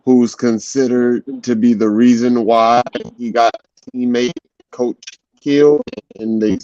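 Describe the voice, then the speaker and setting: A man's voice: medium pitch, steady tone, takes it slowly, warm tone, dry recording. A man talking sports on a remote call whose connection keeps breaking up, his words dropping out. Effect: connection breaking up, audio cutting out. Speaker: sports talk panelist. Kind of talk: casual sports chat over a call. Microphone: poor remote call microphone. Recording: dull lo-fi call audio with faint noise and clicks.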